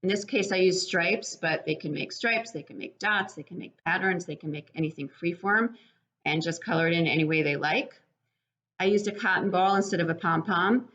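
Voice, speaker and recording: Sitting in her living room, an older woman walks through a children's craft one step at a time, plainly, like a preschool teacher. Her voice is lowish and fairly bright, captured with dull sound by a webcam roughly an arm's length away.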